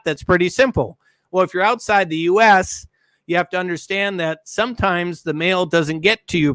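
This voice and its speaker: Middle-aged guy teaching a business webinar, kinda high voice, punches key words, dry close sound. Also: a bit bright, dry recording. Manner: emphatic, repeats key words. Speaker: seminar presenter.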